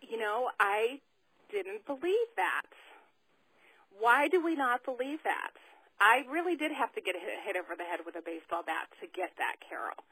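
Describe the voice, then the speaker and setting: A woman's voice: on the high side, big pitch swings, normal speed, sharp tone, slightly rough, no room sound, low-quality recording. A woman author, a guest on a podcast, telling a personal story in a heartfelt, reflective way.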